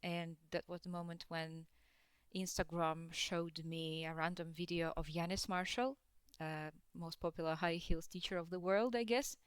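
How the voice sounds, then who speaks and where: A young woman from Russia speaking as a podcast guest, pausing often with fillers and laughs between thoughts. Her voice sits a little low and is very clean and clear. The sound is dry and close. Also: fairly even intonation, dry recording. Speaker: guest, dance teacher. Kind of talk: casual podcast interview.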